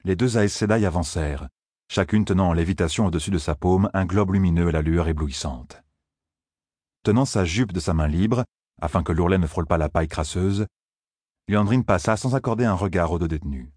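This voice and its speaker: A man narrating a fantasy audiobook in a steady, measured storytelling voice. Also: low-pitched, slightly rough, no room sound, clean studio sound.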